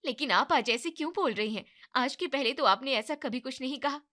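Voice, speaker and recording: A woman voicing a gentle, timid young daughter-in-law in an animated family drama, speaking in a polite, pleading way. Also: high-pitched, brisk. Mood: hurt.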